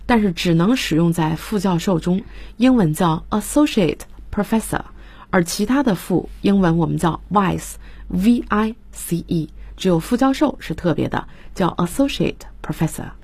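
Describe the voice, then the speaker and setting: A woman's voice: fairly low pitch, animated, moderate pace, darkish tone, slightly rough, no echo. A woman teaching English vocabulary on a radio lesson, explaining patiently and spelling words out letter by letter. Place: radio studio.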